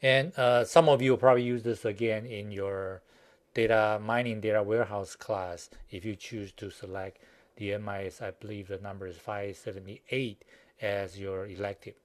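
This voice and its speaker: A man teaching a recorded university lecture, speaking haltingly with many fillers and restarts and a Chinese accent. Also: on the low side, fairly even intonation. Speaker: university professor.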